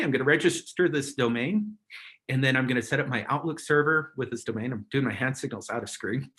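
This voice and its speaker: A man teaches over a video call in a relaxed, wandering way, often breaking into a chuckle. His voice sits at an ordinary middle pitch. It sounds like an informal webinar talk rather than a polished lecture. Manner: chatty, rambling, chuckles often. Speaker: webinar presenter. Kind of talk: casual instructional talk.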